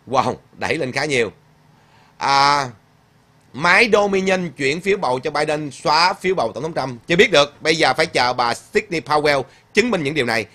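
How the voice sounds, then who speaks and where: A man hosts a chatty livestream, reading viewer comments aloud and answering them. His voice is bright and forceful, at an ordinary male pitch. He talks emphatically, repeats his points and fills pauses often. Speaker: host of a political livestream.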